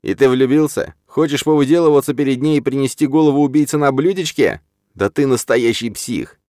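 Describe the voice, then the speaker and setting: A man reading an audiobook, voicing an angry, desperate young man who shouts and sneers bitterly. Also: mid-range voice, a little fast, no room sound, clean studio sound, pitched above the performer's own voice, close to an everyday voice. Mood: scornful. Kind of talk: audiobook character voice.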